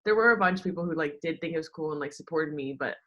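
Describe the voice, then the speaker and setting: A young American woman with a low voice talks casually as an interview guest, fast and a little bright, over a muffled recording. A former college golfer now in sports media, she tells personal stories, says "like" a lot, and quotes herself and others.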